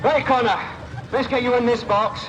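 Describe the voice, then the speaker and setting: A man's voice: extremely high pitch, steady tone, moderate pace, in a large hall, dull audio. A man announcing a live outdoor stunt show to a crowd, with informal, jokey patter. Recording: outdoor PA, crowd and vehicle noise. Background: crowd, vehicles and outdoor noise.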